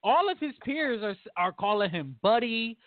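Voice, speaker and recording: A man's voice: very high voice, moderate pace, no room sound. A man hosting a casual podcast discussion, talking emphatically and acting out quotes. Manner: animated, emphatic, acts out quotes. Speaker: podcast host. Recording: dry phone-like audio.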